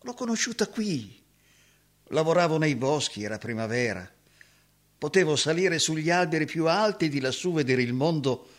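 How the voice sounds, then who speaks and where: A man's voice: fairly high pitch, expressive, normal speed, lightly acted. A man playing a heartbroken, haunted woodsman. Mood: wistful. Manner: emotional, swinging from hushed recollection to anguished cries. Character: heartbroken former woodsman haunted by lost love. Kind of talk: dramatic acting.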